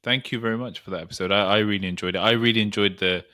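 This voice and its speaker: Man, low pitch, bright tone, podcast co-host, casual, playful explainer. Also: steady tone, very fast. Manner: laughing, playful, explains at length. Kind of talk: casual chat.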